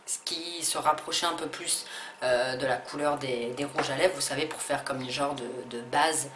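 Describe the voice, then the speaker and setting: A low-pitched woman talks through a beauty haul in a casual, hesitant way, full of fillers and restarts. Her voice rings in an echoey room with a faint hum of ambience behind it. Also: steady tone, moderate pace. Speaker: beauty vlogger.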